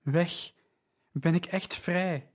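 A man voicing a possessed young slave girl who shouts in a heavy, loud voice in a storybook reading. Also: high-pitched, extremely slow, pitched above the performer's own voice, heavily acted. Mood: bewildered. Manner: shouting, proclaiming.

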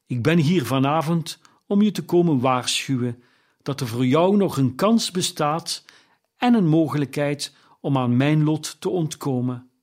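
A man reading aloud and voicing the ghost of a dead business partner, mournful and lamenting in a slow, declamatory way. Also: a little high, lively intonation, darkish tone. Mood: solemn.

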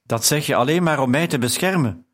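A male audiobook reader voicing a remorseful father, a moody writer, speaking in a slow, gentle, regretful way. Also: on the high side, lively intonation. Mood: urgent. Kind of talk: audiobook character reading.

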